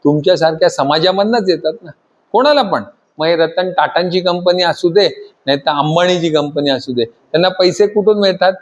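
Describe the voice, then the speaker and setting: High-voiced trainer questioning a class. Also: male voice, normal speed, highs cut off. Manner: asks the class constant questions and pushes them to answer louder. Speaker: trainer addressing students. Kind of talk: classroom lecture.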